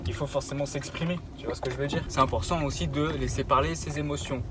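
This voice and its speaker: A young man vlogging while he drives, muttering low in slangy street talk, then bursting into loud exasperated rants. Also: fairly even intonation, fast. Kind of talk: casual vlog monologue while driving. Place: inside a car on the road. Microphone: phone mounted in the car. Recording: road and engine noise.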